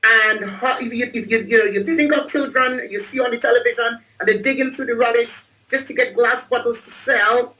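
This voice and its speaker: A woman from Trinidad and Tobago, an entrepreneur and speaker, tells her life story emphatically as a guest on a video call, repeating phrases for effect. Her fairly high, bright voice is forceful and a little fast with hardly any pauses, but she's far from the mic and the audio is poor.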